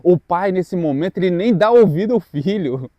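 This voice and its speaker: A man preaching a devotional sermon. He speaks earnestly in short, measured phrases with pauses. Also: sits high, expressive, mellow, no room sound.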